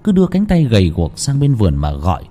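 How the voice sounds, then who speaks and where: A man narrating a village ghost story in a hushed, suspenseful storytelling manner. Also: fairly low pitch, wildly swooping pitch, fast.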